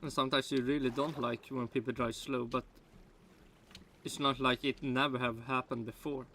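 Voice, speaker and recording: A man's voice: mid-range voice, level tone, normal speed, sharp tone, a little hiss or hum. A man from Sweden with a Swedish accent, a native Swedish speaker, rambling in casual reaction commentary with broken English and many restarts. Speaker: streamer reacting to a video.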